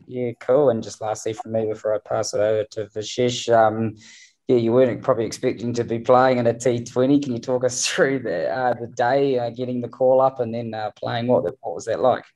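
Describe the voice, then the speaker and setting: A man's voice: mid-range voice, steady tone, fairly quick, a little mellow, rough recording. A man running a press conference, asking questions hesitantly with many fillers. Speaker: media manager hosting a press conference.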